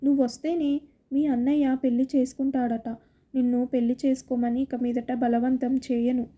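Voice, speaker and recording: Woman narrator as a hurt middle-aged mom, resentful, high mellow voice. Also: level tone, normal speed. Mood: bitter. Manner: resentful, wounded.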